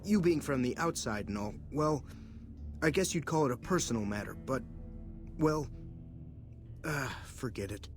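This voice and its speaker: A man's voice: mid-range voice, animated, measured pace, long pauses, music in the background, close to an everyday voice. Shy, hesitant young-hearted guy voiced by an actor. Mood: bashful, nervous. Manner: hesitant, bashful. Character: shy, lovestruck, awkward male mechanic. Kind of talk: video game character dialogue.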